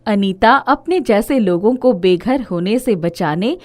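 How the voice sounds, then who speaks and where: A woman narrating an animated moral story in a scripted, expressive storytelling manner. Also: medium pitch, a little slow.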